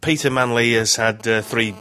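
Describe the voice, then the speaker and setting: A man's voice: mid-range voice, steady tone, moderate pace, bright, forceful tone. A man with a British accent presenting a sports podcast and interviewing a guest.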